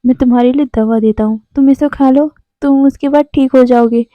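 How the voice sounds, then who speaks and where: A patient young man coaxes and reassures in a gentle tone, voiced by a woman reading the story. The voice sits fairly high, and the recording is dry and muffled. It is homemade storybook narration. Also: steady tone, fairly quick, no echo, close to an everyday voice. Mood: soothing. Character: calm, patient young man soothing his partner. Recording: dull lo-fi dry sound.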